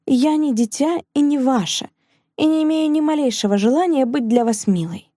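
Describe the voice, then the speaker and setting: A quick-tempered young woman snaps back defiantly, as a woman reading the audiobook puts her on. Her voice sits higher than the narration and stays mellow and soft-edged. The recording is close and dry, with no room sound. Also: no echo, natural voice. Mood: indignant. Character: fiery, sharp-tongued young woman.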